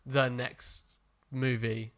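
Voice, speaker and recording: Rambling man with a bright, smooth voice. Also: medium pitch, flat delivery, drawn-out words. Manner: rambling, hesitant, full of fillers. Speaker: podcast co-host. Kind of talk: casual chat.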